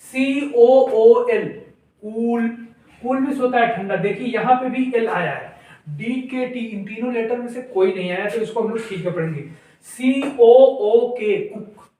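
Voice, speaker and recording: Echoey man teaching phonics. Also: high voice. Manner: spells words out slowly, letter by letter, louder; asks viewers questions, then answers them. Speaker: English teacher. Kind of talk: phonics lesson to viewers. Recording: very echoey room, voice from a distance.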